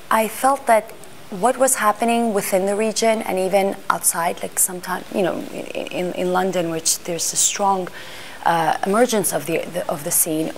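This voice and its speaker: A thoughtful middle-aged woman, from Iran and brought up in Greece and Washington D.C., talks in an interview about her work organizing art fair panels. She pauses to find words, restarting and using fillers, in a low and slightly mellow voice with some background noise.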